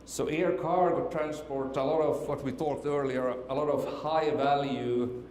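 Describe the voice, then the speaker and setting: In an echoey conference hall with faint noise, a Finnish man of middle age delivers a talk, hesitating often and restarting sentences amid many fillers. His mid-range voice is steady and darkish, at a measured pace.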